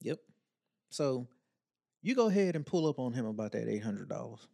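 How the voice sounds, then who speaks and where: A man's voice: medium pitch, big pitch swings, normal speed, gravelly, mellow. A man co-hosting a casual advice podcast, joking in a teasing, playfully petty way. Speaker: podcast co-host giving advice. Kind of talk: casual chat.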